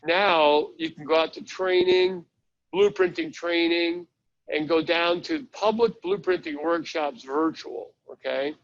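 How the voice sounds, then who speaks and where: A man's voice: fairly high pitch, unhurried, dull audio. A man presenting a live online training session, chatting his way through a website step by step. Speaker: webinar presenter.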